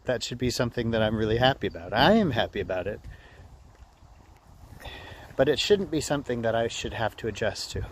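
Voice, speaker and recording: A man talking casually to his vlog in a reflective, halting way, often repeating phrases as he works through his thoughts. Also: medium pitch, lively intonation, slight background noise. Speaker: vlogger. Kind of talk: casual personal vlog monologue.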